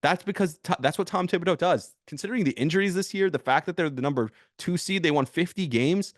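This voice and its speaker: A man hosting a sports podcast, delivering an opinionated, emphatic monologue in a casual way that builds into loud bursts. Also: fairly high pitch, fast talker, no room sound, studio quality. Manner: casual with fillers and restarts.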